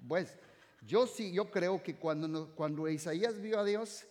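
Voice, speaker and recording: A Mexican-born man preaches with a high, ringing voice that lingers in the hall's long reverb. He shifts from loud exclaiming to soft, drawn-out words. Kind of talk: sermon. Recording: reverberant hall sound.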